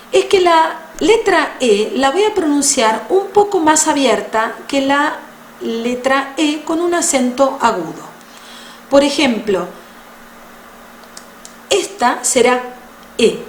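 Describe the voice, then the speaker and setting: A woman giving a language lesson, explaining French sounds patiently and slowly. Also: sits high. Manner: patient, slow, spells out sounds. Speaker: French teacher. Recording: roomy echo with faint noise.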